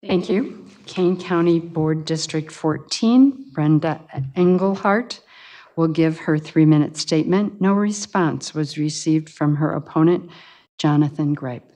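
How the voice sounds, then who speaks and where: A woman moderating a candidate forum, reading formal announcements in a measured, procedural way. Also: low-pitched, mellow.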